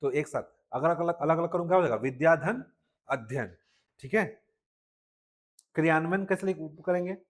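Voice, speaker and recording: A Hindi teacher at a coaching class, a man with a Chhattisgarhi-tinged accent and a slightly high voice, leads a live lesson. He drills students with frequent "ठीक है" checks and slows down to spell words out one sound at a time.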